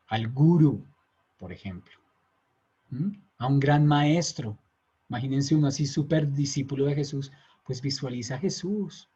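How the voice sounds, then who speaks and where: A man's voice: mid-range voice, warm tone, slightly rough. A man giving a conversational lecture, often checking in with his listeners. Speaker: teacher. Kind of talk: recorded lecture. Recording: dull lo-fi lecture recording.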